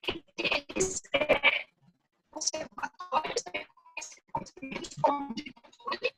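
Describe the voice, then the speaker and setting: A woman's voice: high-pitched, gravelly, over music, low-quality recording. A woman with a Brazilian Portuguese accent giving an academic talk over a video call, her audio choppy and breaking up. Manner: measured, explanatory lecturing. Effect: choppy video-call audio breaking up and dropping out. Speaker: webinar presenter. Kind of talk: academic presentation.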